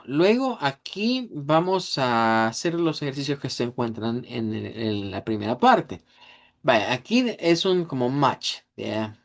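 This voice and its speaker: A language teacher giving an online lesson, explaining each point step by step and repeating words to model how they sound. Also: medium pitch.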